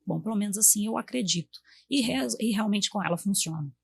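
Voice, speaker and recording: Husky-voiced Brazilian woman chatting. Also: mid-range voice, a little fast. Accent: Brazilian Portuguese. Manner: warm storytelling, acts out quotes to her kids. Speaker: guest. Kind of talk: casual chat.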